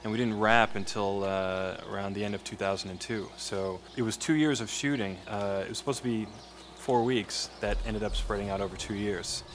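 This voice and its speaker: A man's voice: on the low side, moderate pace, a little hiss or hum. A man speaking as a film director in a behind-the-scenes interview, explaining his work in a reflective way.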